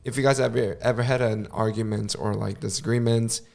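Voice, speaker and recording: A man's voice: mid-range voice, steady tone, brisk, gravelly, darkish tone. A man co-hosting a podcast, chatting in an easygoing, hesitant way with many fillers. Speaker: podcast co-host. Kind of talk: casual chat.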